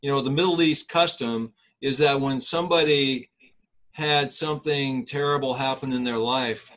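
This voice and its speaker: A middle-aged man leading a Bible study, explaining a passage slowly with many fillers and restarts. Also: mid-range voice, steady tone, fairly bright tone, rough recording.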